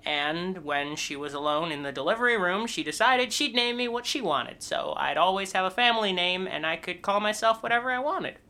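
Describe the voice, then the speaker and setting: A woman's voice: on the low side, animated, brisk, few pauses, pushed and bright. Brief: woman doing an awkward, self-deprecating young guy in improv. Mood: wry. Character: awkward young man explaining his odd name. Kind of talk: improvised comedy scene.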